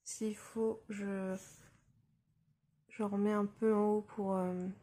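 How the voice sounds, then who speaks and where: A young woman casually talking through a makeup tutorial, relaxed and hesitant with lots of fillers, recorded on a phone at home. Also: mid-range voice, slow pace. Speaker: beauty vlogger. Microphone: phone camera.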